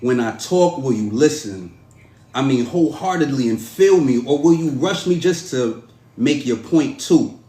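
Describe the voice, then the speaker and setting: A man's voice: mid-range voice, animated, mellow. Man reciting spoken-word poetry in an echoey room. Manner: measured, dramatic, pleading delivery. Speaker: podcast host performing a poem. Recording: roomy echo.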